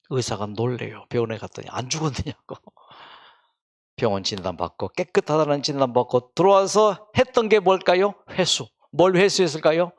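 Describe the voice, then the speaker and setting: Gravelly man lecturing to a hall. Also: mid-range voice. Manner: storytelling with questions to the audience. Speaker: health lecturer.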